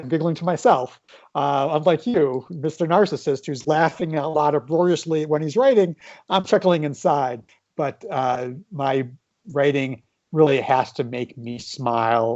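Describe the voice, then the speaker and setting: A man's voice: a little high, a little mellow. A man from the Midwest, a children's book author, chatting loosely in an interview, self-deprecating and full of fillers. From American Midwest. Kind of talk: casual interview. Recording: dull lo-fi sound.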